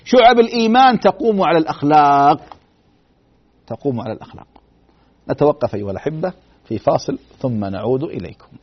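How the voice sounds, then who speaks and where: A man giving a dramatic religious storytelling lecture, swinging between loud emphasis and hushed tones and asking rhetorical questions. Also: fairly high pitch, expressive, fast, pauses often. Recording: dull lo-fi broadcast recording.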